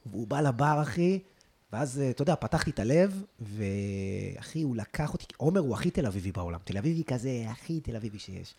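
A husky-voiced man swings his pitch up and down as he tells stories in a relaxed chat. He is a stand-up comedian, lively and crude in his slang, and keeps calling his listener "bro". It is recorded indoors in a loft apartment. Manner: animated, crude slang, constantly says "bro". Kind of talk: casual storytelling chat.

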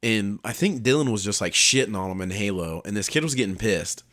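A man's voice: lowish voice, expressive, a little fast, a bit bright. A young man co-hosting a casual chat podcast, crude and teasing, laughing often as he reminisces. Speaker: podcast co-host.

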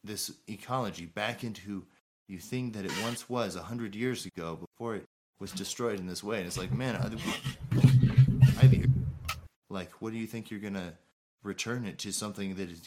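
A man's voice: lowish voice, moderate pace, a little hiss or hum, low-quality recording. A man rambling in a casual rant while his call audio glitches and drops words mid-sentence. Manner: rambling, profane, full of fillers. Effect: glitching audio, voice cutting out mid-sentence. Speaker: podcast co-host. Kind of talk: casual ranting chat.

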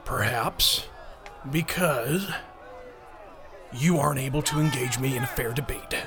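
A man's voice: mid-range voice, a little slow, over music, crowd noise, lightly acted. A man voicing a smug, condescending demon prophet in an audio drama, talking in a lecturing way.

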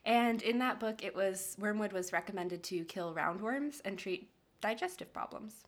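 A woman's voice: medium pitch, normal speed. A woman co-hosting a casual podcast, reading out history notes in a chatty way and laughing often. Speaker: podcast co-host.

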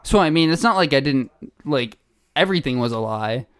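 A young man co-hosting a podcast, telling a story in a casual, animated way with laughs and acted-out quotes. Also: medium pitch, a little fast, clear, resonant tone, dry recording, clean studio sound. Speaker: podcast co-host.

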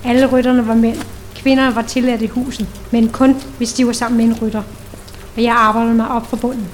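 An actress playing a brisk, commanding woman who once worked undercover, in an audio drama. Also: on the high side, flat delivery, slight background noise, lightly acted. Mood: explaining. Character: tough former undercover woman guide, impatient.

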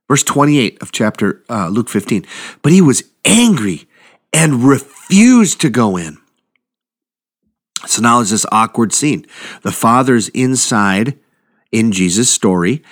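A man preaching a sermon, retelling a parable in a lively, conversational way and acting out the characters' lines. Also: lowish voice. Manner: animated storytelling, acts out quotes, conversational asides.

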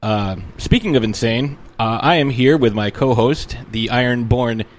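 A man's voice: medium pitch, moderate pace. A man hosting a casual podcast, bantering with co-hosts in a joking, sardonic manner. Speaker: podcast host. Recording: clear background noise.

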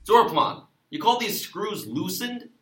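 An actor playing an exasperated, self-important sheriff who narrates a comic noir detective story. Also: male voice, mid-range voice, normal speed, a bit bright, close to an everyday voice. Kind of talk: comic hard-boiled noir narration and dialogue. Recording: roomy echo.

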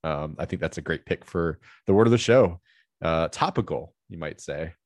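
A deep, croaky American man hosts a casual film podcast. His voice is froggy and sniffly from a cold. He talks in a chatty way with asides, in a dry, close sound. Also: normal speed, darkish tone, dry recording. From southeastern United States. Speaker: podcast host.

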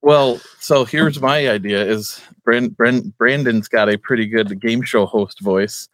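A man's voice: mid-range voice, a little slow, fairly bright tone, no echo. A man hosting a casual podcast, laying out the rundown in a loose, swearing manner. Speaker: podcast host.

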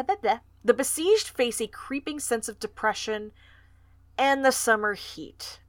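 A woman's voice: on the high side, a bit bright, dry recording. A woman co-hosting a podcast, chatting casually and recapping a book's plot, swearing now and then. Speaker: podcast co-host. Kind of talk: casual book discussion.

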